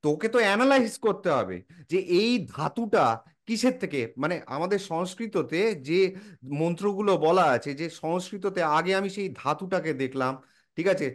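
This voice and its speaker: Lively high-pitched man lecturing a friend. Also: moderate pace. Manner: lecturing, answers his own rhetorical questions; informal, addresses listener as a close friend. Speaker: explainer in a casual chat. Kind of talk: casual explanatory chat.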